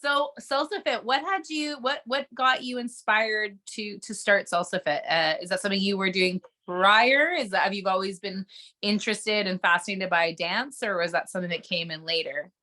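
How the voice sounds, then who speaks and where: Bright-voiced enthusiastic woman host. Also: mid-range voice, moderate pace. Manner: enthusiastic, warm interviewer with rambling questions. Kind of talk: casual interview chat.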